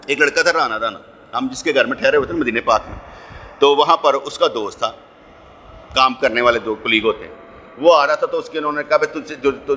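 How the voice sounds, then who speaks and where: A middle-aged man with a Punjabi accent delivering a Friday sermon, telling stories and acting out voices, moving between loud calls and hushed asides. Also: mid-range voice, slight background noise. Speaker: preacher.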